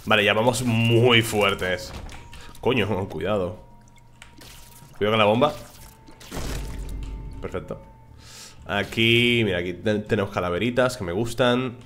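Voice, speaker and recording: A young man from Spain with a Spanish accent, commentating a game casually, excitable and swearing freely. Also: fairly low pitch, unhurried, long pauses, soft background music. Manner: excitable, swears freely, talks to his viewers. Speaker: gaming video host.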